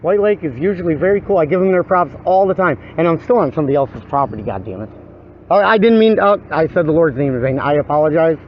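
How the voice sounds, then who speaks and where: Standing outdoors near a busy street, a man films his dispute with police and keeps pleading, agitated and insistent, to both the officers and his viewers, saying the same things again and again. He speaks fast and animatedly with few pauses, his strained, wearing voice on the high side. Faint traffic runs under the dull lo-fi audio.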